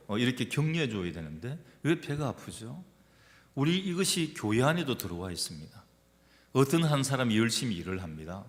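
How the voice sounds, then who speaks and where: A pastor from the region, preaching emphatically and putting rhetorical questions to the congregation. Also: male voice, mid-range voice. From Gyeongsang region, Korea. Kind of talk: sermon. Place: church sanctuary. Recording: long church-hall reverb.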